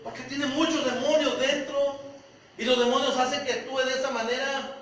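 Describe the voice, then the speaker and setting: A man's voice: extremely high pitch, fairly even intonation, moderate pace, a bit bright, slight background noise. A man preaching a sermon in church, earnestly asking his congregation questions. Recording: echoey church hall, mic far off.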